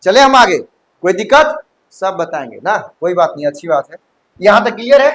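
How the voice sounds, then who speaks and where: High-voiced male coaching teacher. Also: big pitch swings, normal speed, fairly bright tone, poor audio. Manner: checks understanding often, mixes English terms into Hindi. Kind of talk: classroom lecture. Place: classroom.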